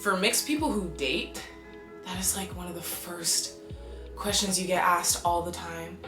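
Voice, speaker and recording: A young woman from Canada in her twenties, talking casually to the camera in an animated, exasperated and emphatic way. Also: lowish voice, measured pace, reverberant, music in the background. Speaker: vlogger. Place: small bright room indoors.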